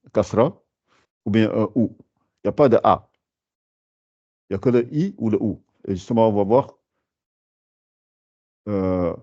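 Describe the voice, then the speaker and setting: A man's voice: lowish voice, dark tone, dull audio. A man teaching a lesson, explaining patiently with many fillers and restarts. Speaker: Quran recitation teacher.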